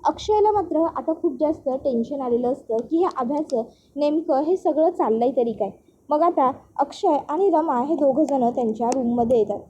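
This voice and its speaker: High-voiced woman recapping a serial. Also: normal speed. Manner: steady storytelling. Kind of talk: spoken episode recap. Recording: dull audio with faint noise.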